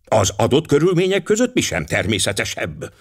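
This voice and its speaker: A man's voice: medium pitch, wildly swooping pitch, slightly rough. A man voicing a fussy, commanding older male detective who speaks precisely and sprinkles in French phrases.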